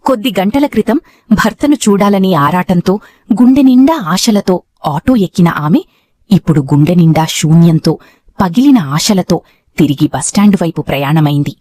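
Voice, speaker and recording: A woman narrating a dramatic family story in an emotive, expressive way. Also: fairly low pitch, normal speed.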